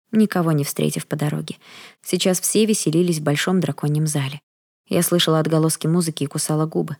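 A woman reading a first-person fantasy novel aloud in a steady, measured way. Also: sits low, husky. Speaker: audiobook narrator.

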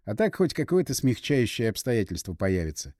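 Expressive man narrating a thriller audiobook. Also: mid-range voice, dry recording, studio quality. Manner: brisk expressive reading with character voices. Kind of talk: first-person audiobook narration.

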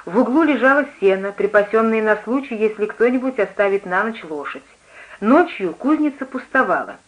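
A woman's voice: medium pitch, expressive, moderate pace, highs cut off. Woman reading a novel aloud. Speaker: audiobook reader. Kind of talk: first-person literary narration.

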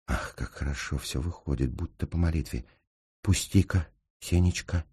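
A male reader voicing a fierce, death-obsessed young woman in a high, shrill voice, in an audiobook. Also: lively intonation, moderate pace, warm tone. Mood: tender. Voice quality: high, shrill when pushed. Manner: defiant, fevered.

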